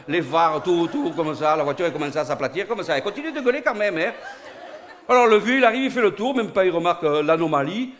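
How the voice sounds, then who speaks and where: A man telling a comic story in an animated way, full of sound effects. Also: fairly high pitch. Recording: studio recording.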